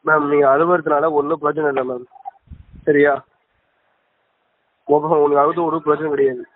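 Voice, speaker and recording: A man's voice: a little high, level tone, moderate pace, dry recording. A man on a phone call, dismissive and curt, brushing off her pleas with "remember that" and "madam". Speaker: scheme recruiter on a phone call. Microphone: phone call recording. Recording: dry, tinny phone line.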